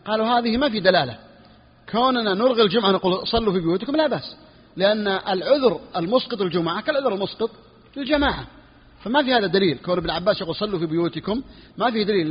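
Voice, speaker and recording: Husky sheikh repeating every phrase. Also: male voice, high voice. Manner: repeats each phrase slowly for students; clears his throat now and then. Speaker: sheikh teaching Hanbali jurisprudence. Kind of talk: classroom lesson on a fiqh text. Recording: dull, lo-fi recording with long reverb.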